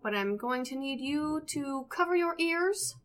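A woman's voice: high voice, expressive, unhurried. A woman playing a tabletop game, casually describing her actions and speaking in character. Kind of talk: casual in-character role-play.

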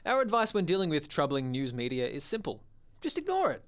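A man's voice: fairly high pitch, wildly swooping pitch, brisk. A man playing a glib, callous doctor co-hosting a parody radio show, with a breezy, pompous presenter delivery. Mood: breezy, smug.

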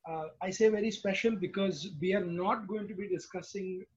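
A man with an Indian accent hosting a casual podcast discussion in a halting way, often repeating words. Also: sits high, breathy edge, muffled recording. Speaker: podcast host.

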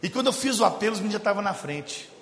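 A man with a Brazilian accent preaching a humorous sermon as a pastor, telling stories and moving between loud, animated stretches and quiet, intimate ones. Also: sits high, very fast, gravelly, a little hiss or hum. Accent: Brazilian Portuguese. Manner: storytelling, jokes with the congregation, shifts from loud to hushed. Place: church hall. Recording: echoey church hall.

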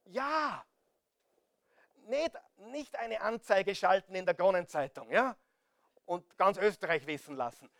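A man's voice: high voice, lively intonation, measured pace, gravelly, pauses often, no echo, studio quality. A man with an Austrian accent preaching a sermon, talking directly to his listeners, asking rhetorical questions and urging them again and again to listen. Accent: Austrian German. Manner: direct, pleading, repeats appeals to listen; rhetorical questions, big swings in loudness.

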